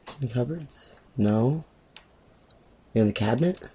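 A young man chatting excitedly over a game he is playing, rambling with filler words and sudden jumps in pitch. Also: normal speed, husky. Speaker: gameplay commentator. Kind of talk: casual let's-play commentary.

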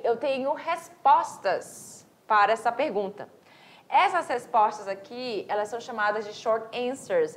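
A woman from Brazil teaching an English class, explaining step by step with rhetorical questions and reading examples slowly. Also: fairly high pitch. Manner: asks rhetorical questions and answers them. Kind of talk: recorded online class for high school.

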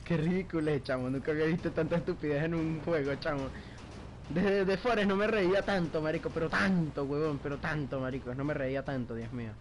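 A man's voice: a little high, brisk, a little hiss or hum. A man with a Venezuelan accent giving casual gameplay commentary with a friend, laughing often and swearing casually. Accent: Venezuelan Spanish. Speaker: gaming video creator.

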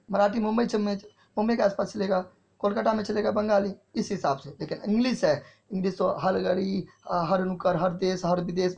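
A man teaching English in a classroom lecture, speaking English with an Indian accent, repeating key phrases slowly as if dictating and often checking if it's clear. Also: high-pitched, a little mellow. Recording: dull lo-fi sound.

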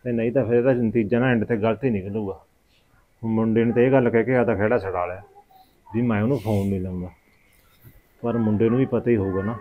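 A man plays a village headman in a short family drama. His voice is low, with a Punjabi accent, and he gives sober, measured counsel. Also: warm tone, a little hiss or hum, lightly acted.

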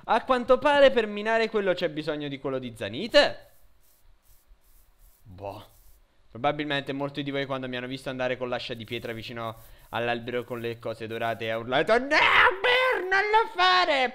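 A man giving excitable let's play commentary, swinging between loud shouts and low grumbling. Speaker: gamer.

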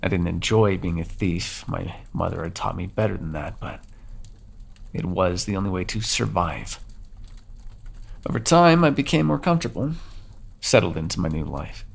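A male voice actor performs an ASMR roleplay monologue as a brooding, solemn ancient vampire addressing his captive. His voice is low and gravelly, soft-spoken, measured and hushed, yet also expressive and exaggerated.

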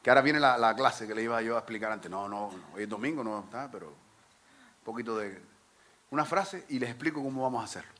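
Bright-voiced man teaching verse. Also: medium pitch, a little fast. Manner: chatty, joking, explains step by step. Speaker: workshop teacher of improvised verse. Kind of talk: lively talk to a live audience.

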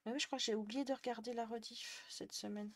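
A woman's voice: a little high, steady tone, quick pace. A young woman from the Jura chatting casually on a live stream, answering viewers' messages and laughing often. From Jura, France. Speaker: Twitch streamer.

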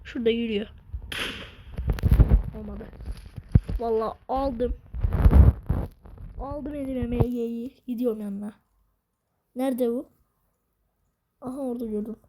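A woman giving excitable, slangy gameplay commentary, swearing now and then. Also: on the high side, a little slow, long pauses, heavy background noise. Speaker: gaming video host.

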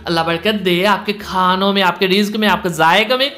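A man's voice: high-pitched, steady tone, brisk, pushed and bright. A man hosting a cooking tutorial in voice-over, with instructive delivery that keeps repeating warnings. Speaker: cooking channel host.

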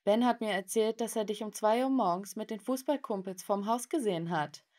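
A woman's voice: medium pitch, brisk, darkish tone, lightly acted. A woman voicing a controlling, snobbish middle-aged mother who talks in an accusing, scolding way.

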